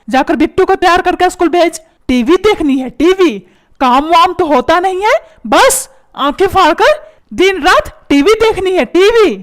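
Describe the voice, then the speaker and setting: Woman doing a grumpy cartoon husband, stingy and threatening, very high voice, swings up and down. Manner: scolding, threatening, sarcastic. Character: stingy, short-tempered middle-aged husband. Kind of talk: comic cartoon dubbing.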